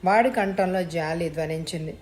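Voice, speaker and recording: A woman narrating a story in a steady, measured way. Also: lowish voice. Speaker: audiobook narrator.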